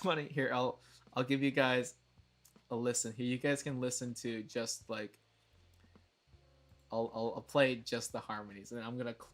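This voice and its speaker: Young male streamer, loose chatty delivery with frequent laughs, bright tone. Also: mid-range voice. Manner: chatty, laughs often, swears casually. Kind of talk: casual livestream chat.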